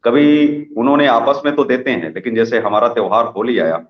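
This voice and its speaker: Brief: male news interviewer, mid-pitched, pushes rhetorical questions, roomy dull broadcast sound. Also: brisk. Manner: argumentative, long rhetorical questions. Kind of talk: opinionated live TV interview.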